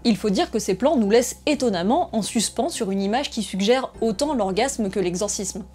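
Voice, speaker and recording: A woman narrating a scripted film analysis essay in a measured, analytical way. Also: medium pitch, expressive, a little mellow, slightly rough, faint music behind.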